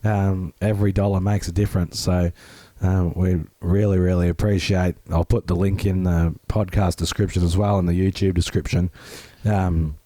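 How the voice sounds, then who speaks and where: A man with a hoarse, grating, strained voice, chatting casually as a podcast co-host. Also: sits low, little pitch movement, moderate pace, hardly any pauses, mellow, no echo. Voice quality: grating, rough. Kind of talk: casual chat.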